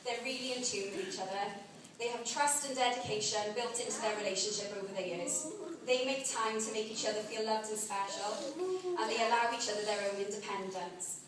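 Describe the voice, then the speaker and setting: A woman's voice: fairly high pitch, animated, a little fast, crowd noise. A young woman giving an informal, affectionate and teasing wedding toast as bridesmaid. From South Wales. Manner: jokey, teasing delivery. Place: large indoor wedding reception room, on a microphone. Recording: echoey hall from far off, music behind.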